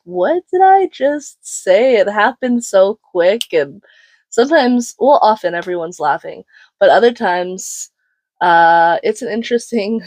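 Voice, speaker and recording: A woman's voice: mid-range voice, no echo. A woman co-hosting a podcast, speaking reflectively in casual conversation and laughing easily. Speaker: podcast co-host.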